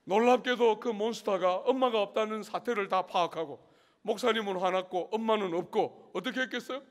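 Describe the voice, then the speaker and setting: A middle-aged pastor with a high voice speaks fairly quickly while preaching to a student conference, the long reverb of a big university hall around him. He acts out the scene of his story, delivering it with humor.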